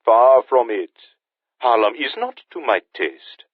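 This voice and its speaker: Man voicing a smooth Caribbean-accented sorcerer on a phone. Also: medium pitch, very animated, slow, dry recording, pitched above the performer's own voice. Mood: smug menace. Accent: Caribbean-tinged British. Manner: smooth, elegant, mocking. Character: suave menacing male Haitian sorcerer villain. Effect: phone line filter. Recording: tinny phone line.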